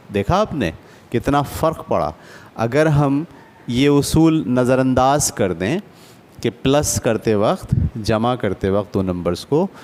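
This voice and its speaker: Man, math lesson for adults, patient, checking questions, medium pitch. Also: darkish tone. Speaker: math teacher.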